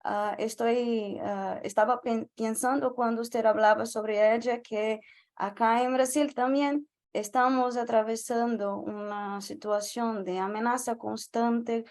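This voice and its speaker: A woman's voice: a little high, fairly even intonation, takes it slowly, a little mellow. A woman from Brazil, a native Portuguese speaker with a Brazilian accent, giving a panel talk carefully and searching for words. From northeastern Brazil. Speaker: invited activist speaker. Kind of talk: panel talk in a second language.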